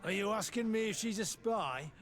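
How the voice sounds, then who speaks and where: A man's voice: sits high, lively intonation, normal speed, fairly bright tone. A man playing a jovial, slurring town drunk, an old-hand soldier in a video game tavern who chats with sly familiarity. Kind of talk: video game character acting.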